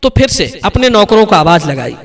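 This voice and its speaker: Guy telling a moral folk tale, high lively voice, faint music behind. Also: fairly quick. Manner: addresses listeners as friends. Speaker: storyteller. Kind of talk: moral story narration.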